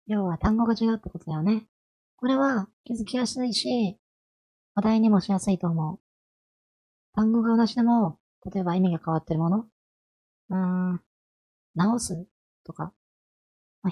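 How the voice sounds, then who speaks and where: A woman's voice: medium pitch, mellow. A woman in her twenties giving a chatty, friendly explainer lesson on language, asking her listeners rhetorical questions. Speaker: language vtuber.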